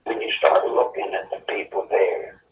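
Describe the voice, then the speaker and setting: A man's voice: moderate pace, distant mic. Man on a tinny speakerphone. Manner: earnest, pleading, urgent. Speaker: guest caller. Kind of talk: casual talk. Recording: tinny phone line on speaker, roomy, faint noise.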